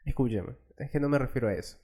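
A young man speaking, relaxed and slangy as a podcast co-host. He talks easily and drops street words into his speech. His pitch sits in the everyday middle range. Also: fast, husky. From Guayaquil, Ecuador. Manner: laid-back, slangy, says "loco" often. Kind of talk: casual chat.

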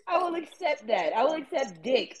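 A woman's voice: high voice, big pitch swings, normal speed, highs cut off, a loud crowd. A woman co-hosting a casual chat, riffing bossily for laughs. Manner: bossy comic riffing, laughs often.

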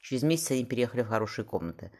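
A man's voice: mid-range voice, very animated, racing, a little mellow. A man reading an audiobook in a swift, plain manner. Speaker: audiobook reader. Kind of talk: audiobook narration.

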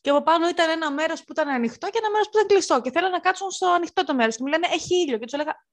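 A young woman co-hosting a podcast, telling work stories in a lively way and acting out what people said. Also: very high-pitched. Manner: animated, acts out quotes of rude customers. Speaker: podcast co-host. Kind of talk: casual chat, storytelling.

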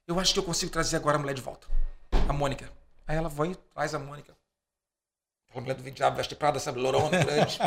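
A slightly high voice with vocal fry belongs to a Brazilian podcast guest who tells stories animatedly. He acts out the dialogue in quoted voices, laughing between lines.

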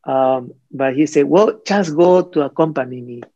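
A man from Mexico, a priest guest in a conversational interview, speaking in a hesitant, halting way with many restarts. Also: a little high, warm tone. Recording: slightly dull audio with faint music.

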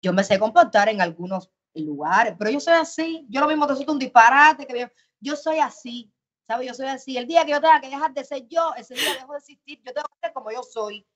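Loud, expressive woman, lo-fi sound. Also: sits high, fairly quick. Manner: loud, emphatic and expressive, swings between loud and soft. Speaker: actress guest. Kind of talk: casual interview chat. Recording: dull lo-fi sound.

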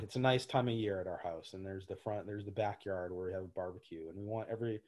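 A man's voice: fairly low pitch, a little mellow. A man, a gym owner, answering interview questions in a loose, rambling way with lots of fillers and restarts. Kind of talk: casual interview talk.

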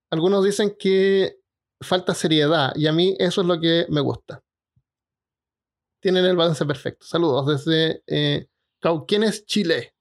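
A man co-hosting a casual podcast, laughing often as he explains points and wraps up the show. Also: on the high side. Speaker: podcast co-host.

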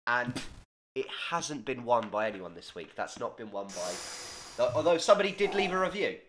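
A man's voice: mid-range voice, sing-song, moderate pace, noisy background. A British man co-hosting a podcast with casual comedic banter and sweary, mock-indignant joking. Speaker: podcast co-host.

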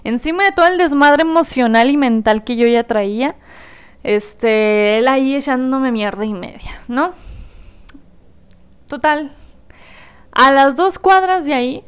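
Young woman, Mexican accent, podcast host, very clear smooth voice, slightly high, candid slangy storytelling. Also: unhurried, long pauses. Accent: Mexican Spanish. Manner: candid, slangy, emotional storytelling with casual swearing. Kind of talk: personal storytelling monologue.

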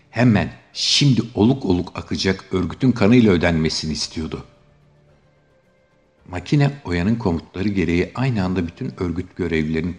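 A man narrating a scripted, dark thriller story in a steady, grave manner. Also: low-pitched.

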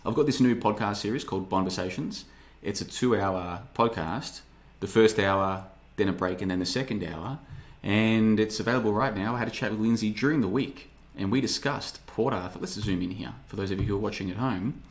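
A man in his thirties talks through a casual livestream monologue, his voice sitting on the low side. He rambles, repeats himself and slips into mocking impressions of other people with a sarcastic streak. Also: fairly quick, few pauses. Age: 30s. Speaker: podcast host.

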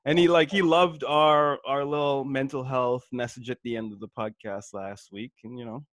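A man's voice: medium pitch, steady tone, moderate pace, a bit bright, no room sound. A man co-hosting a podcast in a casual, laid-back chat, laughing easily as he quizzes his guest. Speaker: podcast co-host.

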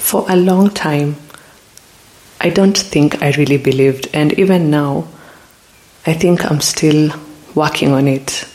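Into a close mic, a podcast host gives a calm, reflective spiritual talk in a medium-pitched voice, speaking slowly with frequent pauses. They pose many probing questions to the listener and grow looser and more hesitant when retelling stories. The recording is rough.

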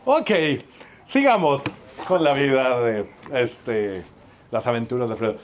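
A man with a Mexican accent preaching through a lively, self-mocking story, acting out the voices of the people in it. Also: medium pitch, a little slow, a little hiss or hum. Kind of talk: storytelling sermon.

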